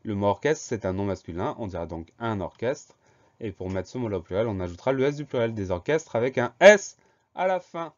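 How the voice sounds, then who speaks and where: A man teaching a spelling lesson, slowly and patiently spelling each word out letter by letter. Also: lowish voice, animated, lo-fi sound.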